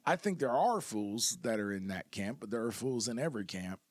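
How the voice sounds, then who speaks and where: A man's voice: on the low side, expressive, a little fast, dry recording, clean studio sound. A man talking in a reflective, easygoing way in a casual podcast conversation, laughing now and then.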